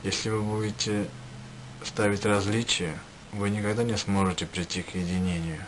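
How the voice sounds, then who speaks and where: Man, spiritual address, very deep voice, measured short phrases, faint background hiss. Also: little pitch movement, low-quality recording. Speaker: spiritual teacher.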